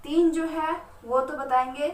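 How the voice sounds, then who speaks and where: A woman's voice: sits high, steady tone, measured pace. A woman science teacher talking directly to her students at a writing board, asking herself questions and answering them step by step. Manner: talks straight to students. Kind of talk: whiteboard lesson. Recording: echoey room, mic at a distance.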